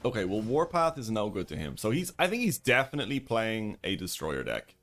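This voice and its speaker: A man's voice: lowish voice, huge pitch swings, brisk, fairly bright tone, faint music behind. A man casually commenting on his own card game as he plays live, thinking aloud and greeting viewers in chat. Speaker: streamer and YouTube host.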